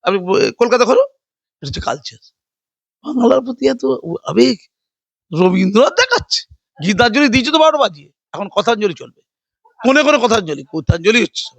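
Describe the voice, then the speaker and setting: A man's voice: very high-pitched, very animated, a little fast, vocal fry, pauses often, fairly bright tone, no echo. An older man giving a heated political interview, combative and sarcastic, rambling and mocking with repeated phrases.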